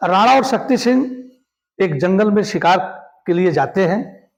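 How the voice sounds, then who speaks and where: A man with a high voice tells a history story as a lesson. He is animated and speaks to his listeners as friends. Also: a little slow, vocal fry.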